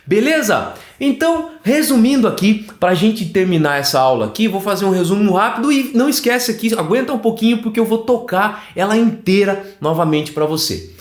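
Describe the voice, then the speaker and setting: A man with a Brazilian Portuguese accent teaching an online flute lesson, explaining in an animated way and often checking in with the viewer. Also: high-pitched, brisk. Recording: roomy echoey room.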